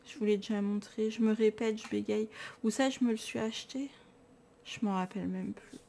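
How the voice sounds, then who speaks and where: A woman's voice: mid-range voice, fairly even intonation, a little fast, gravelly, dark tone. A tired woman with a French accent, chatting casually and enthusiastically about her books in a vlog. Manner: chatty and enthusiastic, self-mocking. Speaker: vlogger. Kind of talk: casual chat, showing books.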